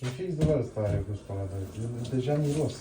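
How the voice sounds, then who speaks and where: A man, joking and bickering affectionately with his partner at home. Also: medium pitch. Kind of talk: casual home banter. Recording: echoey room, distant mic, background noise.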